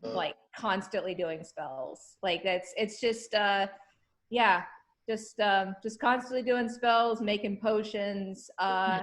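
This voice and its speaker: A woman's voice: medium pitch, slow, low-quality recording. A middle-aged woman doing dry stand-up comedy over a video call, with lots of laughing and filler words. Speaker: comedian guest.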